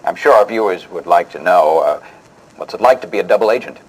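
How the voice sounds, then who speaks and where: A man with a low, husky, expressive voice plays a pompous, easily flustered host in a parody of an old-fashioned TV interview show. His announcing is grand and mock-dramatic, though he turns halting and hesitant when asking questions, and the audio quality is poor.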